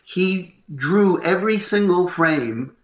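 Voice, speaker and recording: An older man with a loud, gruff voice, telling animated stories as a voice actor being interviewed. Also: high voice, slow pace. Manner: animated, acts out what others said. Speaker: voice actor guest. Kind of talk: interview storytelling. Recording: roomy, slightly dull recording.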